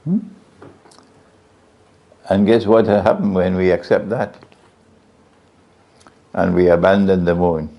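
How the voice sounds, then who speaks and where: Gravelly lo-fi preacher, man. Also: flat delivery, slow pace, pauses often. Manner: questions the audience, varies his pitch widely. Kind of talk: sermon to an audience. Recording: lo-fi, dull sound.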